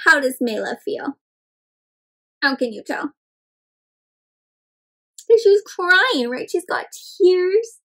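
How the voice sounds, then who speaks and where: A children's read-aloud storyteller with a high-pitched voice reads a picture book to little kids. She is animated and expressive, with dramatic gasps and exclamations, and she stops to ask her young listeners questions and explain what words mean.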